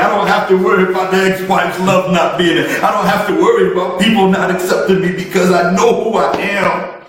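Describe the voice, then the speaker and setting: High-voiced guy preaching hard at a seminar, repeats himself, booming echo, mic way off. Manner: fervent, repetitive, builds to rising intensity; laughs through his words. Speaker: motivational speaker. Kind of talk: preachy motivational seminar talk. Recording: very echoey room, far from the mic, faint noise.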